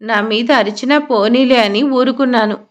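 A woman's voice: a little high, moderate pace, close to an everyday voice. A woman voicing a stern young husband who scolds coldly and mockingly. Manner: cold, mocking.

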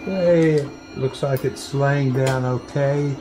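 A man running a 3D print farm, talking slowly and plainly step by step while he works in a workshop full of printers. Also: medium pitch, fairly even intonation, background noise. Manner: slow, plain step-by-step explaining while working. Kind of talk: hands-on workshop demonstration.

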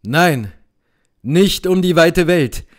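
A man's voice: a little high, slow pace, a little mellow, smooth, pitched above the performer's own voice. A man voicing a gallant young nobleman, earnest and devoted, speaking in vowing declarations in an audiobook. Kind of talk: audiobook character reading.

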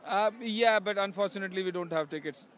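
Quick, bright-voiced man praising the city. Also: high-pitched. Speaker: passer-by. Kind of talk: street interview answers.

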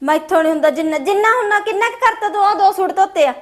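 Very high-pitched scolding woman. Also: fast. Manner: scolding, sharp-tongued. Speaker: daughter-in-law in a family drama. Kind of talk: amateur family drama acting.

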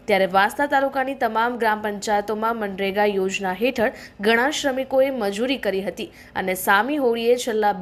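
A woman with a Gujarati accent reading a regional news bulletin in a formal, even newsreader style. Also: fairly high pitch. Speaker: news reader.

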